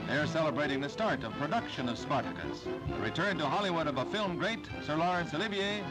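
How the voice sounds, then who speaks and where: High, lively old newsreel announcer man. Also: a little fast, rough recording. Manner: declamatory, showy announcer delivery. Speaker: newsreel narrator. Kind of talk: old newsreel narration, scripted. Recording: vintage newsreel soundtrack under loud music.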